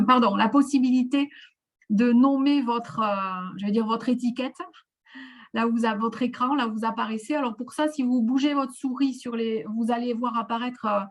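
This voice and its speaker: A woman giving step-by-step instructions for a video-call platform, often pausing with fillers and restarting her sentences. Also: on the high side, fairly even intonation. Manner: hesitant, many fillers and restarts. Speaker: webinar presenter. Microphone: video call microphone.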